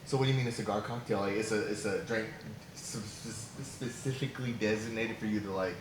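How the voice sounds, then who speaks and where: A man's voice: on the low side, fairly even intonation, brisk. A man, the event organizer, chatting casually as a guest in an easygoing, chuckling way. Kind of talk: casual chat. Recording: echoey room with background noise.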